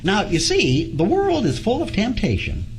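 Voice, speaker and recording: A man's voice: high voice, huge pitch swings, moderate pace, vocal fry, full character voice. A man playing a folksy, kindly little cricket who gives muddled fatherly advice in a storybook radio play. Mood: fatherly, flustered. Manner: hesitant, muddled fatherly advising. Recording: music behind the voice.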